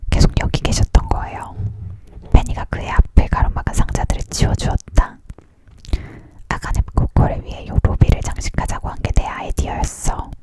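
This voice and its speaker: Hushed ASMR storyteller in an unvoiced whisper. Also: moderate pace. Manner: close, leaning-in whisper, unvoiced throughout. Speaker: narrator reading a fantasy novel aloud. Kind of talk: whispered ASMR book reading.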